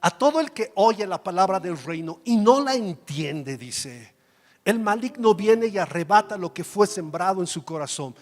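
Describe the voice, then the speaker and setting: High-voiced man preaching in a church hall. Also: animated, moderate pace. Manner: conversational preaching, rhetorical questions, acts out Bible dialogue. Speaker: pastor. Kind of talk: sermon. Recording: reverberant church hall with faint music.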